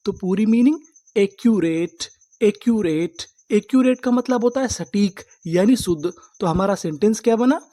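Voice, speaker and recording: A man gives a reading lesson in a steady, mellow voice. The sound is dry and close, with no room around it. He spells words letter by letter and asks quick questions that he answers right away. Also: high-pitched, dry recording. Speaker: English teacher. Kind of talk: online spelling and vocabulary lesson.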